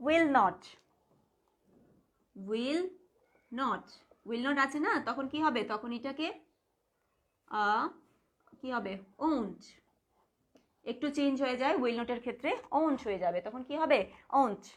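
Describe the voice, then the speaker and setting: A primary school teacher with a Bangladeshi accent, giving a live online grammar lesson. She talks patiently, repeats words slowly and keeps asking the class questions. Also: high-pitched, animated.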